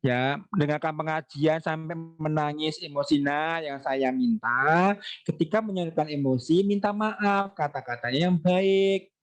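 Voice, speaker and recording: A man's voice: a little high, unhurried. A man talking casually to parents in a question-and-answer session, reading out their questions and acting out everyday examples. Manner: lively, reads out questions and acts out examples.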